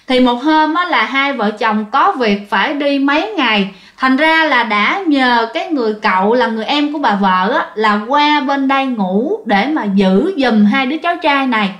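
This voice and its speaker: A woman with a Southern Vietnamese accent tells ghost stories in a casual, chatty way, turning often to her listeners. Her voice sits high, and it rings in a roomy, echoing space. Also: fairly bright tone. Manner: chatty, addresses listeners directly. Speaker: ghost story narrator. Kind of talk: casual spoken storytelling.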